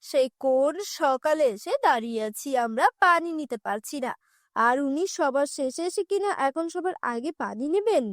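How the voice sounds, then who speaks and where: A woman's voice: high-pitched, animated, normal speed, no echo, studio quality. A woman voicing a resentful poor village woman in a cartoon, grumbling indignantly.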